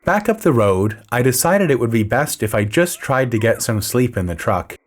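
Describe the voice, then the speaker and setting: A man narrating a story in the first person, with a dry, measured, low-key delivery. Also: big pitch swings.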